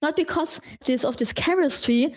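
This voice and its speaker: High-voiced woman, eager film fan guest. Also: a little mellow. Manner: eager, halting, repeats words. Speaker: podcast guest. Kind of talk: casual film podcast chat.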